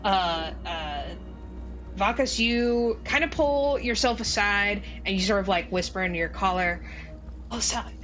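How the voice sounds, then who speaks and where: Woman game master, mid-range voice, improvised narration, casual, halting, conversational, faint background music. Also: medium pitch, a bit bright, low-quality recording.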